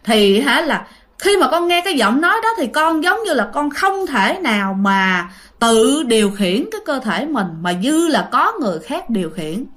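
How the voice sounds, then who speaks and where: A woman's voice: sits high, sing-song, normal speed, fairly bright tone. A woman voicing a frightened young girl in a spoken ghost story. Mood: pleading.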